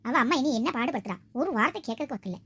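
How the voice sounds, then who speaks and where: Woman as a young village wife, blunt and lively, high voice, rattles off fast. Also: breathy edge, heavily acted. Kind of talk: village comedy skit acting.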